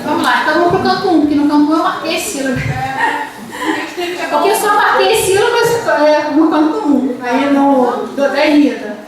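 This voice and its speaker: A woman's voice: high voice, animated, moderate pace, far from the mic. Brazilian woman lecturing in an echoey classroom. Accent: Brazilian Portuguese. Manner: explanatory, many fillers and restarts, reads verse aloud. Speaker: literature professor. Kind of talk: university lecture.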